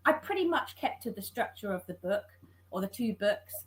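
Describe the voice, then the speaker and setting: A very animated scriptwriter with a mid-range voice discusses her work in a conversational interview on a video call, and the recording is rough. She halts often, correcting herself and restarting her sentences many times.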